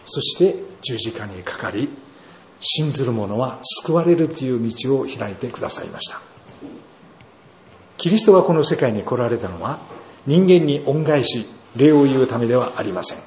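A pastor preaching a sermon and reading scripture, asking rhetorical questions in a measured way. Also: male voice, medium pitch, lively intonation, darkish tone, slight background noise. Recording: roomy echo, faint ambience.

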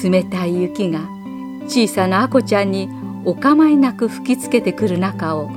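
A woman narrating a children's story aloud in a gentle, measured read-aloud manner. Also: mid-range voice, expressive, music in the background.

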